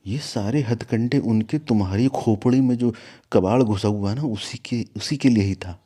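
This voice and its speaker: A man's voice: fairly low pitch, normal speed. A man who runs an ashram, telling a story in an interview and turning to a scolding lecture. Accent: Hindi, from north India. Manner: animated, scolding at times. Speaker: guru of an ashram.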